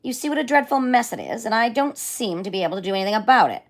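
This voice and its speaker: A woman voicing a grumpy, vain, hungry male lion in a storybook, yelling and blustering. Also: fairly high pitch, expressive, rapid-fire, voice pushed up. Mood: fretful.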